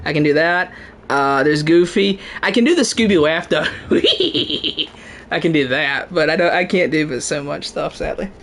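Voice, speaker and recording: A man's voice: fairly high pitch, normal speed, a bit bright, slight background noise. A young man from the American South chatting casually with his stream while playing a game, joking around as he talks. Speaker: gaming streamer. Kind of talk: casual gameplay commentary.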